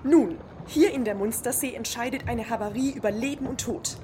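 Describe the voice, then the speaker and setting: Principled seafaring officer for audio drama, female actor, somewhat high voice, formal and earnest. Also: normal speed, mellow, a little hiss or hum, natural voice.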